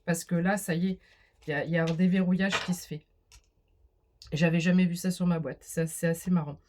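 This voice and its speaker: A woman gives a relaxed spoken card reading in a slightly low voice. She talks directly to the listener and often stops and restarts mid-thought with fillers. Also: brisk, slight background noise. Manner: addresses viewer directly, many fillers and restarts. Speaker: card reader. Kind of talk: casual spoken tarot reading.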